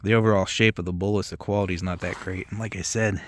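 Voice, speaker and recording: A man's voice: deep voice, fairly even intonation, fast, a little hiss or hum. A man hosting a video, explaining products in a casual, rambling, informal way. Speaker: host of an ammunition test channel. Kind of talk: casual product-test commentary.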